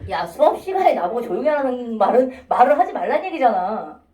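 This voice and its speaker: A woman's voice: fairly high pitch, big pitch swings, quick pace, warm tone. A woman teacher giving a chatty classroom lecture, often acting out students' voices. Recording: echoey classroom from a distance.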